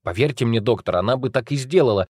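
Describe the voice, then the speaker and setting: A male narrator reading a first-person novel aloud in a wry, agitated, confessional tone. His voice sits at an ordinary middle pitch, recorded very dry and close. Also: lively intonation, fast talker, a little mellow, dry recording. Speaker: audiobook narrator.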